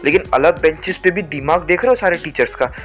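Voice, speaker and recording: Young male storyteller from India, lively rambling delivery over light background music. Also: a little high, fast talker. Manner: rambling, animated, restarts often, acts out teachers. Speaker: storytime vlogger. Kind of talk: casual storytelling monologue.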